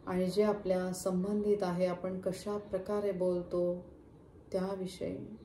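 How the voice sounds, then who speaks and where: Woman, meditation guide, unhurried, mellow, flat even delivery, echoey room, faint hum. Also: lowish voice. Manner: slow, soothing instructions.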